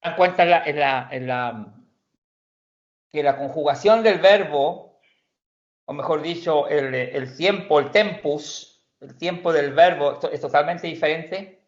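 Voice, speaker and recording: Over a video call, a male Swedish teacher with a somewhat high voice runs a language class. His explanations come slowly, with frequent restarts and repeated words, and the audio sounds dull and muffled.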